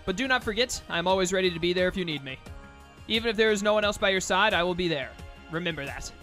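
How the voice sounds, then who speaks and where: Man voicing a kindly, formal lion warrior, bright-voiced. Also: sits high, quick pace, faint music behind. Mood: loyal, encouraging. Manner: formal, solicitous.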